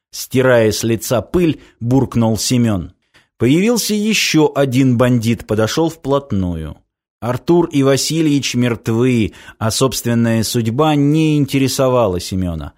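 Male audiobook narrator, unhurried measured reading, mid pitch. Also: expressive, darkish tone. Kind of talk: scripted narration.

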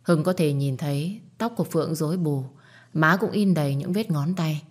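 A woman narrating a dramatic story, with a steady, expressive reading style. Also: low-pitched, normal speed.

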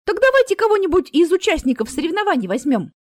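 A woman voicing a perky, cheeky young woman who speaks in bright, excited bursts. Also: extremely high pitch, quick pace, dry recording, voice pushed up. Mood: eager.

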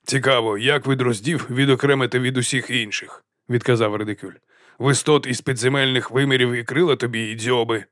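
A man voicing a blustering older male archchancellor wizard who rambles at an unhurried pace. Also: medium pitch, fairly even intonation, fairly bright tone, no room sound, clean studio sound, lightly acted. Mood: dismissive.

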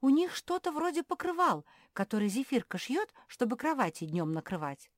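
A woman voicing a bold, excitable big female animal in a storybook reading. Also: fairly high pitch, takes it slowly, no echo, clean studio sound, pitched above the performer's own voice. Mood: amazed.

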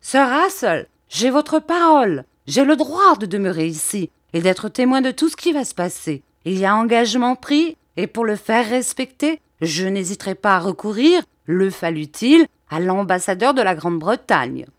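A woman voicing a proud, pugnacious English male detective who speaks high and excited. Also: normal speed, hardly any pauses, no room sound, studio quality, natural voice. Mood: indignant.

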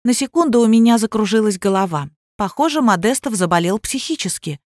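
A woman tells a story aloud at an ordinary mid pitch. The recording is dry and close, with no room sound. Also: lively intonation, a little fast, darkish tone, no echo. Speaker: audiobook narrator. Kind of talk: audiobook narration.

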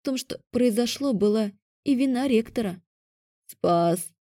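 Woman reading an audiobook, calm and even, mellow voice, dry close sound. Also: on the high side, moderate pace, no room sound. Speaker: audiobook narrator. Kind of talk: scripted first-person audiobook narration.

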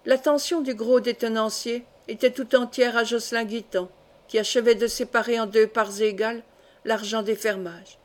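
A woman reading a historical novel aloud as an audiobook, in a measured, steady way. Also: fairly high pitch. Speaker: audiobook reader.

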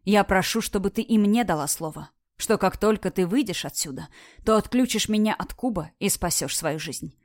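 A woman's voice: medium pitch, animated, moderate pace, no echo, studio quality, lightly acted. A woman reading a wounded young man, firm and tender. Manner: firm, pleading. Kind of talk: audiobook reading.

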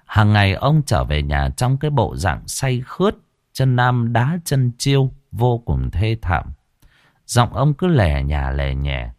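A man narrates a story with a low, lively voice. The recording is dry and close, with no room sound. His storytelling is expressive throughout. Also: slow pace, no echo.

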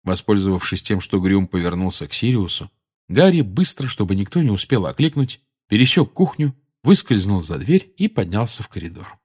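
A man reading a fantasy novel aloud, dramatic and expressive. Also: on the low side, moderate pace, husky. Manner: dramatic, rising and dropping with the tension. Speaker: audiobook narrator. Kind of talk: expressive audiobook narration.

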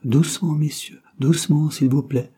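Un homme jouant un huissier sceptique, condescendant, voix plus haute, livre audio. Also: male voice, fairly high pitch, steady tone, moderate pace, dark tone, husky, voice pushed up. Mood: condescending. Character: indulgent, skeptical male head usher.

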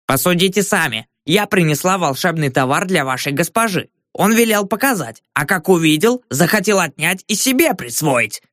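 A man's voice: high voice, animated, moderate pace, hardly any pauses, fairly bright tone, no echo, studio quality, voice pushed up. A man voicing a brazen, sly old market woman. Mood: sly, insistent. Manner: pushy, cunning, cheeky. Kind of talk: audiobook character voice.

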